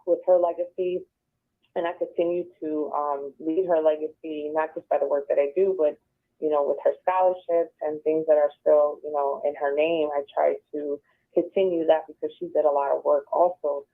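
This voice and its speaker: A middle-aged woman from Buffalo, New York, speaking as a guest in a radio interview on a phone line, soft-spoken and reflective, with hesitant restarts. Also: low voice, fairly even intonation, normal speed. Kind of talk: conversational interview. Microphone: phone call.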